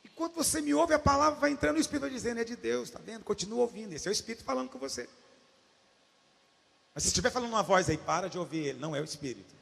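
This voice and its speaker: Brazilian guy preaching, high voice that jumps all over, echoey church hall. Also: very fast, creaky. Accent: Brazilian Portuguese. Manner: animated preaching, swinging from hushed asides to shouts. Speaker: pastor. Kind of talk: sermon.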